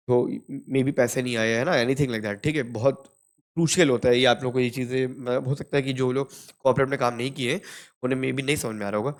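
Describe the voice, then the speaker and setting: A man with an Indian accent teaching spoken English in a casual, chatty lesson, mixing Hindi and English and tagging "ठीक है" onto nearly every phrase. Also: mid-range voice. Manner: fillers "ठीक है" after almost every phrase; chatty, addresses viewers as brother.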